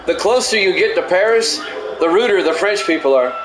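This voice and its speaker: A middle-aged male announcer with a somewhat high voice calls simulated football plays in an even, matter-of-fact manner, dropping casual asides as a stream host. The home recording is echoey, with steady background noise and music playing behind him.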